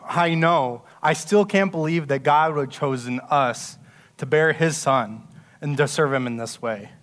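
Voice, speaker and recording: A man playing Joseph, a caring young husband in a church nativity play, speaking gently and reassuringly. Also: a little high, a little slow.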